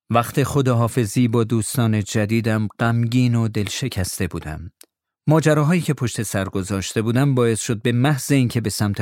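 A man reading a storybook aloud in a calm, even first-person telling. His voice sits low and steady. The recording is close and dry, with no room sound. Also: dry recording. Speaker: narrator. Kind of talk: scripted storybook narration.

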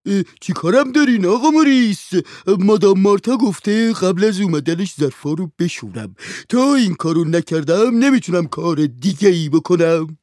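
A man's voice: high-pitched, animated, a little mellow, dry recording, studio quality, pitched above the performer's own voice. A man voicing a lazy male servant who moans and complains in a storybook reading. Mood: whiny. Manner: moaning, complaining.

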